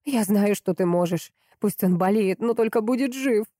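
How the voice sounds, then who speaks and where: A woman voicing a desperate young mother who pleads in a trembling voice that rises to shrill cries. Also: moderate pace, warm tone, no echo, clean studio sound, lightly acted.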